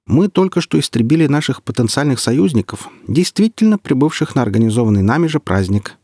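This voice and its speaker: A man's voice: mid-range voice, big pitch swings, a little fast, mellow, no echo, clean studio sound, pitched above the performer's own voice. A man voicing a curt female marine officer. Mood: dry. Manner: curt, commanding, mock-menacing. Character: tough female marine lieutenant, bossy and sharp.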